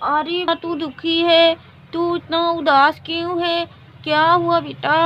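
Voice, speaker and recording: A woman voicing a kindly old male holy man who gives slow, soothing, fatherly advice. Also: very high-pitched, little pitch movement, slight background noise. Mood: gentle. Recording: dull lo-fi recording.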